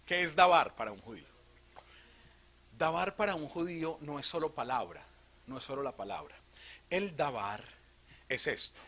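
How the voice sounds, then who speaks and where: A man from Colombia, a priest, giving an animated theology talk to a live audience, asking questions and joking. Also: fairly high pitch, moderate pace, pauses often, breathy edge. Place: retreat hall.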